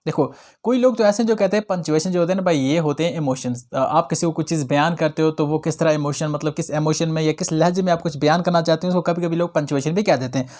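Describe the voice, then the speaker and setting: Young guy doing a grammar lesson, kinda high voice, keeps going "theek hai na". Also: fast, a little mellow. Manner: explains in Hindi-English mix, repeats "ठीक है ना". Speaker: English grammar teacher.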